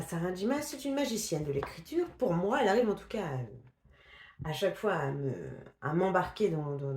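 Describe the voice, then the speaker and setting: A woman chats casually about her recent reading, full of hesitations, restarts and quick laughs. Her voice sits a little low for a woman. The recording has a noticeable room echo. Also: darkish tone, a little hiss or hum. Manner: chatty, hesitant with many fillers and restarts, laughs often. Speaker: book vlogger. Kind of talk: casual book review chat.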